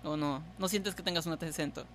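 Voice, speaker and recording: A young Mexican man with a Tampico accent chats loosely as a podcast co-host, tossing out crude slang and jokes. His voice sits high for a man, and a faint hiss runs under the recording. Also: steady tone, fairly quick, a bit bright. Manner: joking, crude slang, frequent laughter. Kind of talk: casual chat.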